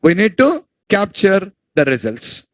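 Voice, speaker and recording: A man teaching a class, repeating points, quizzing students and scolding them to speak louder. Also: high-pitched, very animated, unhurried, no echo, low-quality recording. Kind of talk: classroom lecture.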